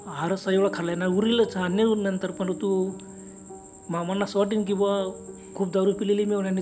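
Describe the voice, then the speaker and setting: A man with a notably high voice tells a spooky tale as if chatting with friends, easy and unhurried. Music plays clearly beneath him, with crickets chirping. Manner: conversational, unhurried storytelling. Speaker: storyteller. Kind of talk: first-person horror story narration. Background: background music and crickets.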